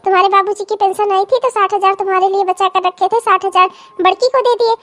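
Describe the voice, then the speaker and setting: A woman's voice: very high-pitched, level tone, quick pace, fairly bright tone. A woman voicing a scheming older mother-in-law in a cartoon comedy, bossy and scolding toward her daughters-in-law and doting toward her own daughters. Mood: fussing.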